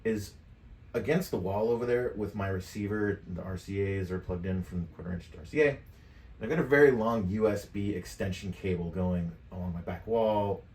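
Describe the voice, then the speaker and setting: This is a middle-aged man presenting a relaxed, step-by-step software tutorial, his low-pitched voice moving briskly as he thinks out loud and clicks along. He's indoors at a desk in a home studio room. The USB microphone sits at some distance, so the echoey space and clear background noise come through.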